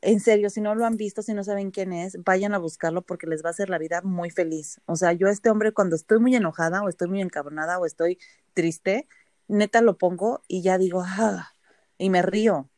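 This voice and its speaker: A woman's voice: mid-range voice, fairly quick, a little mellow, no room sound, clean studio sound. A Mexican woman co-hosting a podcast, chatting casually and telling stories animatedly, full of slang and swearing. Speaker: podcast co-host. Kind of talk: casual chat.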